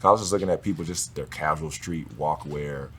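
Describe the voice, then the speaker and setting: A man talking as a guest in a relaxed, casual conversation, slangy and swearing freely. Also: extremely low pitch, fairly quick, a little hiss or hum. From Los Angeles area.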